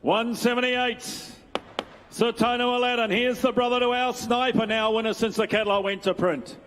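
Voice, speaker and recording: A middle-aged New man calls a live auction in a high, ringing voice, rattling off bids in a fast sing-song chant and breaking off for dry jokes. His voice carries a long reverb from a large sales hall. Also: steady tone, a bit bright, a little hiss or hum. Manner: rapid rhythmic bid chant with joking asides. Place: large indoor sales ring.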